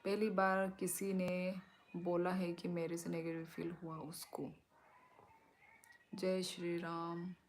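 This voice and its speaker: A young woman from Tripura in northeast India, a native Kokborok speaker, chatting slowly on a live stream as she reads viewer comments aloud and answers them. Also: lowish voice, flat delivery, a little hiss or hum.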